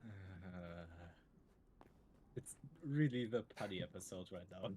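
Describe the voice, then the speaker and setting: A man's voice: low-pitched, slow, a little mellow, a little hiss or hum. A man chatting while playing a game with friends, joking and teasing with wordplay. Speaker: co-op game player. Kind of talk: casual gaming chat.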